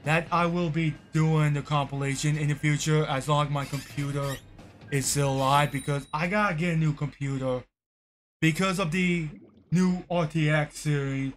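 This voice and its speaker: At a moderate pace and with fairly even intonation, a streamer in his twenties chats to viewers in a fairly high voice while game music plays. He rambles and repeats himself, with short bursts of frustration.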